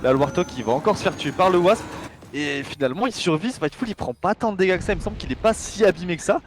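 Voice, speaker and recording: Animated and high-pitched, this fast-talking esports caster commentates a match live in a relaxed, conversational style full of repeated phrases. Faint gunfire and game noise run in the background.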